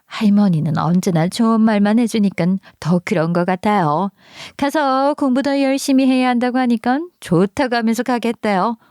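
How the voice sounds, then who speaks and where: A woman voicing an eager younger sister-in-law who gushes and flatters. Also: on the high side, normal speed, hardly any pauses, no room sound, clean studio sound, lightly acted. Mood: chatty. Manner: gushing, flattering.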